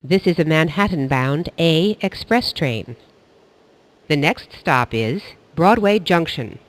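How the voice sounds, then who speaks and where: A man reading scripted train announcements in a formal, measured public-announcement manner, like an airport announcer. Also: fairly high pitch, animated.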